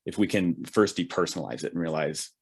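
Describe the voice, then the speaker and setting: A man's voice: low-pitched, expressive, quick pace, gravelly, a little mellow, husky. A man co-hosting a relationship podcast, talking reflectively in casual conversation and often checking in with "right?". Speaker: podcast co-host, couples therapist.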